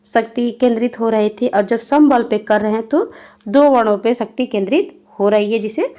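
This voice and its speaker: A young woman preparing students for exams teaches Hindi grammar, first reading every definition and then putting it in plain words, with examples spelled out one after another. She has a warm, slightly high voice and speaks at normal speed.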